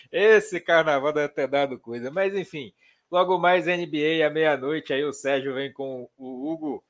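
A man with a Brazilian Portuguese accent, hosting a sports show, signing off and teasing his colleagues in an upbeat way. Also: a little high. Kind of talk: sign-off and announcements.

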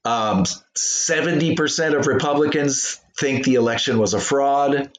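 A man co-hosting a casual remote podcast, talking with many pauses, ums and restarts. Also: mid-range voice, echoey room. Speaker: podcast co-host.

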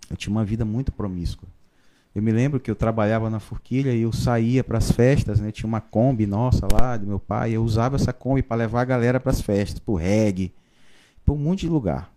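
A man, a pastor giving his conversion testimony in a podcast interview, telling it in a lively storytelling way with frequent tag questions. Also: medium pitch, a little fast, a little hiss or hum. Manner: storytelling, animated, frequent "né?" tags.

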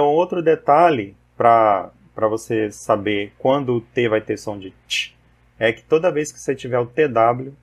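Man, slow unhurried delivery, patient teacher reading word lists, mid-range voice. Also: medium pitch. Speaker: English pronunciation teacher. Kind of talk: slow, methodical pronunciation lesson.

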